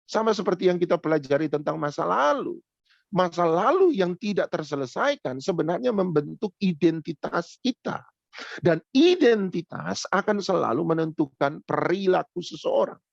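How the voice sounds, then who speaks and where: A man's voice: high voice, very animated, moderate pace, creaky, dry recording, highs cut off. A man preaching a sermon, telling a personal story and repeating phrases for emphasis. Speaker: pastor.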